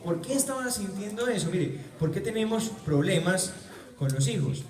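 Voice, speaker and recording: A man's voice: high voice, animated, normal speed, darkish tone. Man preaching in a roomy church. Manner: repeats phrases for emphasis, humorous storytelling. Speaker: preacher at a healing retreat. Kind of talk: sermon with personal stories. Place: parish church. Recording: roomy church, mic far off.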